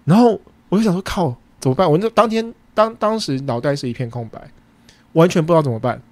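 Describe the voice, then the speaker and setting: A man with a Taiwanese Mandarin accent, hosting a podcast and casually retelling a story, acting out bits of dialogue with sudden jumps in pitch. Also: fast talker, darkish tone, dry recording. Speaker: podcast host and food truck owner.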